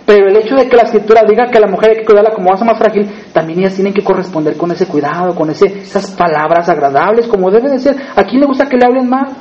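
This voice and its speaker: A man's voice: high voice, fast, few pauses, darkish tone, muffled recording, slight background noise. A man with a Mexican accent preaching a sermon in a conversational way, often asking the congregation questions. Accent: Mexican Spanish.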